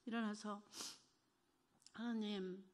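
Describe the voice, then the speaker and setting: A middle-aged woman shares an emotional church testimony in earnest, shifting between hushed and fervent delivery. Her pitch is medium, her tone steady, and she speaks slowly.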